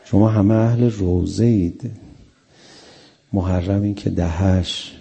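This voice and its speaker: A man's voice: low voice, fairly even intonation, creaky, mellow, breathy edge. A male preacher delivering a mourning sermon, telling the story with emotion and acting out the quotes.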